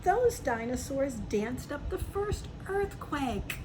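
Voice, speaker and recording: For an audience of young children, a woman reads a picture book slowly in a high voice with big pitch swings. She adds chatty remarks, simple explanations and questions along the way, over a clearly noisy background.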